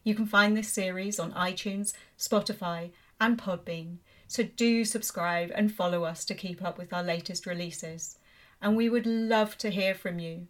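A woman hosting a podcast, reading a friendly, upbeat outro with a smile in her voice. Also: medium pitch. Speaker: podcast host.

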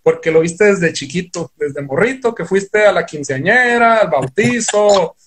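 A man's voice: high voice, expressive, unhurried, background noise. A young man with a northern Mexican accent from Sonora, a guest guitarist telling stories in rambling slang full of swearing. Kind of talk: casual podcast chat.

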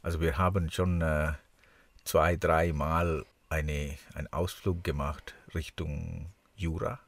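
A man with a foreign accent in German, chatting haltingly on a podcast in a congested, nasal voice, as if with a broken nose. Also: a bass voice, steady tone, gravelly, no room sound. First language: not German. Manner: halting, searching for words. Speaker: podcast co-host. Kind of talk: casual podcast chat. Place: small camper van used as studio.

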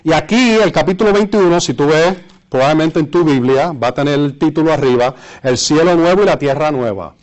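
A man with a Puerto Rican Spanish accent preaching and reading scripture, repeating phrases for emphasis and pausing to search for words. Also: on the high side, a little mellow, highs cut off. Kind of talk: sermon with Bible readings and asides to listeners.

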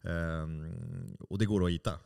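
Gravelly low man. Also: steady tone, a little mellow. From France. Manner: passionate, explaining at length with many restarts. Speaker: podcast host and baker. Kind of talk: casual podcast conversation.

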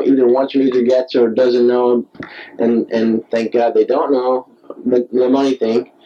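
A man's voice: medium pitch, warm tone. A man recorded on a tape recorder like a dictaphone, rambling alone late at night in a digressive, repetitive, self-mocking way. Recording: dull home tape recorder.

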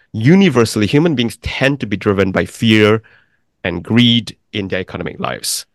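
A middle-aged man from Malaysia answers interview questions in a calm, deliberate way, listing his points in careful order. His voice sits fairly low. The sound is dry and close, with almost no room echo. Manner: deliberate, explanatory, lists points in sequence. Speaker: investment firm founder, guest.

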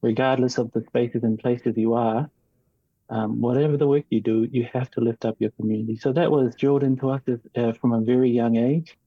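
A man born in New Zealand and raised partly in Tonga, a guest in an interview, speaking in a measured, reflective way with frequent ums and restarts. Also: medium pitch, fairly even intonation, breathy edge, no echo, narrow, tinny audio. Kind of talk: casual interview talk.

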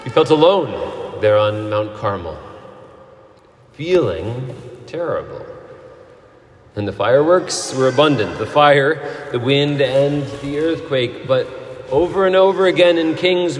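A man preaching a sermon as a priest, earnest and emphatic, often dropping to a soft, quiet voice. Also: on the high side, lively intonation, measured pace, roomy sound, big-room sound, slight background noise. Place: church.

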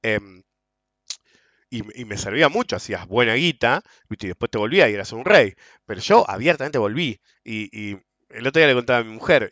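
A man's voice: medium pitch, a bit bright, no echo, highs cut off. A middle-aged Argentine man hosting a podcast, talking in a rambling, slangy monologue and laughing often. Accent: Argentine Spanish. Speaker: podcast host. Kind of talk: casual monologue.

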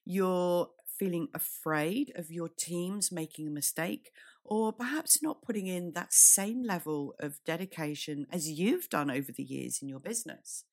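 Croaky, low-voiced British woman podcasting. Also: lively intonation, measured pace. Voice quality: croaky, breaking voice. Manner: candid, addresses listener directly. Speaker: podcast host. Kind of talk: solo motivational business podcast, conversational.

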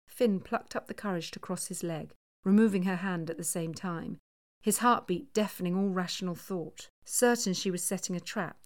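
A woman narrating a novel as an audiobook reader, steady and measured. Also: on the low side. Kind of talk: scripted narration.

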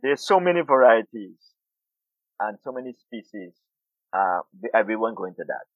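Heard over a tinny, phone-like line with a dry sound, this middle-aged man from Guyana has a lowish voice with big swings in pitch and talks at normal speed. He's an urban farmer and food activist being interviewed about farming, and he's reflective, repeating words as he gropes for the right ones.

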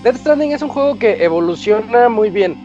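A man with a Mexican accent and a noticeably high-pitched voice chats casually about video games. He speaks as a panelist in a relaxed group conversation, with faint music behind him. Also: normal speed, lo-fi sound. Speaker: video game podcast panelist.

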